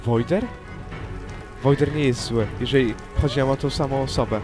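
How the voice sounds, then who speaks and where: A man's voice: mid-range voice, fairly even intonation, normal speed, lightly acted. A man playing a nervous, loyal young hermit exploring in a Minecraft role-play, talking to himself as he goes. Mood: pleading. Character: young male hermit adventurer, anxious but loyal. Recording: loud game music behind.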